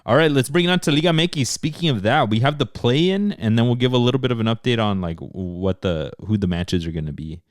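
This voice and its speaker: A man's voice: mid-range voice, animated, fairly quick, hardly any pauses, no room sound, clean studio sound. A man co-hosting a soccer podcast, chatting casually and switching between English and Spanish. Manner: laid-back, mixes English and Spanish. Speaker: podcast co-host. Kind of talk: casual sports chat.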